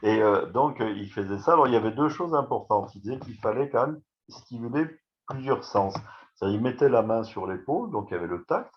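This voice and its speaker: A male neurologist gives an informal webinar lecture, talking straight to his listeners in a conversational way full of fillers and restarts. His medium-pitched voice is expressive and brisk, and the muffled recording has a little hiss or hum.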